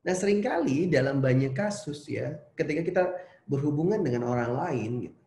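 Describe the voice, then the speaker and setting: A man's voice: on the high side, expressive, fairly quick, warm tone. A man, a psychologist, giving a conversational online seminar lecture to students and posing rhetorical questions. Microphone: video call. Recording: roomy echo.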